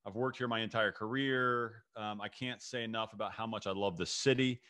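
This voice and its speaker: A podcast host in his thirties from North Carolina conducts a video-call interview with eager, effusive enthusiasm, often repeating words. His fairly low voice is pushed and bright, fairly quick with fairly even intonation. The dry recording comes from a studio mic on a boom arm in his home office lined with bookshelves.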